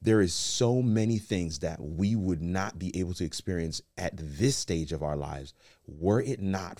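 Deep-voiced man telling a motivational story. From United States. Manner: storytelling, animated quoted dialogue. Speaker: motivational speaker. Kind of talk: casual motivational talk.

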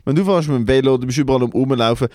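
A man's voice: rapid-fire, darkish tone, no room sound, studio quality. A young man with a Swiss German accent co-hosting a podcast, teasing his partner and laughing often as he jokes. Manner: teasing, laughs often, jumps in high when joking. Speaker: podcast co-host. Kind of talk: casual banter. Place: small studio room.

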